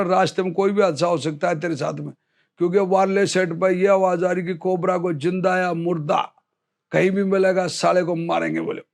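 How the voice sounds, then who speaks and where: A middle-aged man from India tells an old army story, high in pitch. He is an interview guest and an animated storyteller, slipping into the voices of the people he quotes. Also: gravelly. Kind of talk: storytelling in casual conversation.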